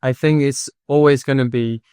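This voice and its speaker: A man hosting a podcast interview, talking in halting bursts and repeating words as he thinks. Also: medium pitch, fairly even intonation, a little mellow, clear, resonant tone, no echo, clean studio sound. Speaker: podcast host.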